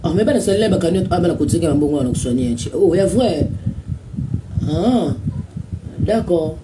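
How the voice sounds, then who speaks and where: A man's voice: fairly high pitch, lively intonation, measured pace. A man with a Congolese accent, hosting a radio show in a rambling, repetitive monologue full of filler sounds. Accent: Congolese (Brazzaville). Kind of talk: casual commentary monologue. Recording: distant mic with a noisy background.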